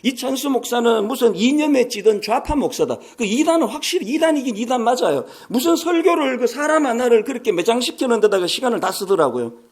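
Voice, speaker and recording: A man in his sixties preaches a sermon in a strikingly high voice. His pitch swings widely as he tells stories and drops in humorous asides. He sounds lively and conversational from the pulpit. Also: brisk, husky. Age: 60s. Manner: animated, storytelling with humorous asides. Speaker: pastor.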